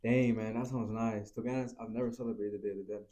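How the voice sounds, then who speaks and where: A teenage man as student co-anchor, firing off quick, curious questions in scripted banter. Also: lowish voice, steady tone, dark tone.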